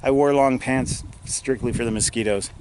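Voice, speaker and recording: A man's voice: medium pitch, normal speed, noisy background. Chatty man vlogging on a hike. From Utah, USA. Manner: chatty, talks to the viewer while hiking. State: out of breath. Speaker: outdoor vlogger. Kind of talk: casual hiking vlog. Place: outdoors on a mountain trail.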